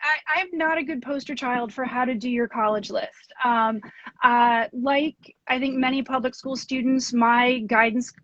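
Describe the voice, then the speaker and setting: A woman's voice: a little high, steady tone, measured pace, fairly bright tone, no room sound. A woman from Pennsylvania in her thirties, an education consultant chatting as a guest in an interview, with lots of ums and a self-deprecating way of talking. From Pennsylvania, USA. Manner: frequent ums, self-deprecating, laughs easily. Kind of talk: casual interview chat. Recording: dull dry lo-fi audio from a live stream.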